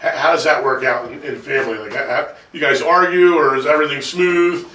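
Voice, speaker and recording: A male podcast host who talks fast and tells stories with energy. His voice has a bright, forceful edge. He sits back from the mic in a roomy, echoing space. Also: on the high side, recorded from a distance. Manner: quick, energetic storyteller. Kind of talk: casual interview chat.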